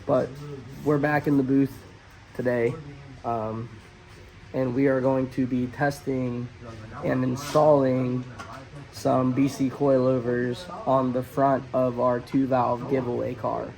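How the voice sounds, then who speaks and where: A man hosting a car channel, hoarse as he loses his voice, explaining a suspension install in a relaxed, chatty way with filler pauses. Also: medium pitch, low-quality recording. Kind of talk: casual how-to narration. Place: auto shop garage.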